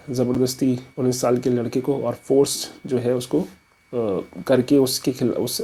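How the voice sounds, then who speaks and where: A man's voice: medium pitch, dark tone, husky, low-quality recording. A man explaining a memory trick as an educator, casual and story-driven, mixing in English terms.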